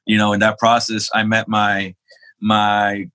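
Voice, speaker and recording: Unhurried and monotone, a young man from Queens, New York, who serves as a pastor, talks through his testimony on a podcast. His lowish voice sounds pushed and bright, and his casual speech is dotted with fillers and restarts.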